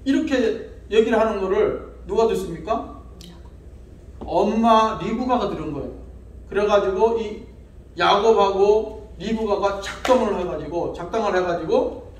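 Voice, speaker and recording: A man's voice: high voice, moderate pace, a little hiss or hum. A male pastor preaching a conversational sermon, often asking the congregation questions and acting out quotes. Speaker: senior pastor. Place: church sanctuary. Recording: echoey church hall, distant mic.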